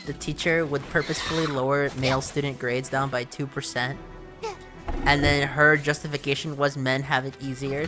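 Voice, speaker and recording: A host chatting casually while playing a game, dry and matter-of-fact, prone to tangents. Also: medium pitch. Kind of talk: casual gameplay banter.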